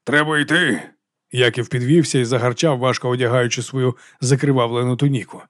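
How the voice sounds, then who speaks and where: A man narrating an audiobook in an even, measured reading. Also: mid-range voice, dry recording, studio quality.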